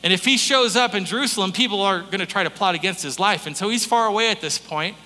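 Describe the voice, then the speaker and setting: A man's voice: high-pitched, fast, pushed and bright. A man preaching a conversational sermon, informal and folksy, speaking directly to his listeners. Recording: reverberant hall.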